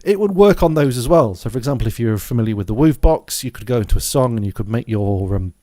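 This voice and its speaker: A man's voice: medium pitch, expressive, quick pace, mellow, no echo, clean studio sound. A man presenting a music gear tutorial in a casual, rambling way, thinking aloud as he goes. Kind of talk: casual software and hardware walkthrough. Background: scratching noise from a dog in the background.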